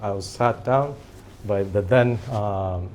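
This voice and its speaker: A company CEO in his forties, Japanese his first language, tells stories in a casual podcast interview, rambling and chatty with small laughs between phrases. His voice is on the low side and a bit mellow, and he takes his time. Slight background noise is present.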